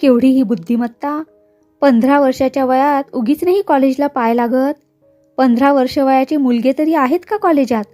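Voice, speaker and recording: A woman's voice: high-pitched, normal speed, mellow, faint music behind, close to an everyday voice. A woman reading the lines of a haughty young college student who taunts with sarcasm. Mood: sarcastic.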